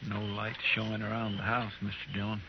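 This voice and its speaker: A man's voice: lowish voice, monotone, a little fast, close to an everyday voice. Folksy deputy played by a man, muffled radio. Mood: hushed. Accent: American. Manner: folksy, deferential. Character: deferential marshal's deputy in the Old West. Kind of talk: old radio western acting. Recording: muffled, noisy vintage radio recording.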